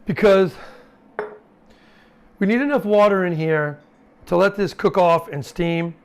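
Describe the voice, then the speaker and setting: Over the sizzle of a pan and the sound of chopping, a male chef leads an informal cooking class in a home kitchen, full of fillers and asides. His voice is high and clean-toned, and his pace is measured.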